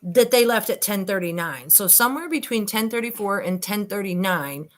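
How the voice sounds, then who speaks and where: An online commentator and host, this woman reads a transcript aloud and chats informally, turning to listeners with skeptical asides. Her mid-range voice is expressive and moves at a normal pace.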